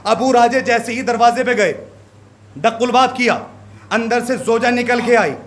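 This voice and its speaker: A man preaching a majlis sermon, telling a story with drama and building to impassioned shouts. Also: very high-pitched, steady tone, normal speed, slight background noise. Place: mourning gathering hall. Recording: crowd heard around speaker. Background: listening congregation.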